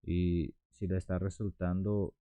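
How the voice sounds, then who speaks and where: A man teaching a language lesson, explaining slowly and carefully with pauses and fillers. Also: deep voice, little pitch movement, dark tone, clear, resonant tone, no room sound. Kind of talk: screen-recorded language lesson.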